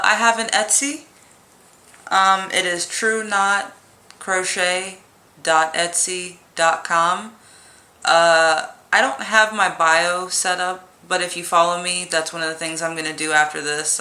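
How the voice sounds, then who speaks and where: A woman with a fairly low, very bright voice chats casually through a hands-on craft tutorial. Her S sounds are sharp and her nose whistles faintly. She is jokey and self-deprecating as she explains. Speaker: crochet tutorial host.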